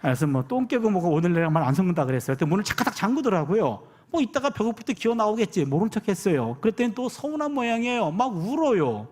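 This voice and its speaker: High-voiced, lively male preacher. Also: fast talker, few pauses. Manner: animated storyteller who acts out quoted dialogue. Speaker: pastor and professor. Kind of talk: sermon with personal storytelling. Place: church sanctuary.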